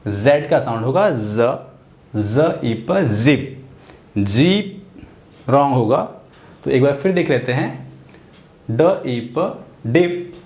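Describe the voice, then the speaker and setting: Male tutor, middle pitch, slow and deliberate, stretches and repeats sounds for learners. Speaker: English reading teacher. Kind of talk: phonics lesson at a board.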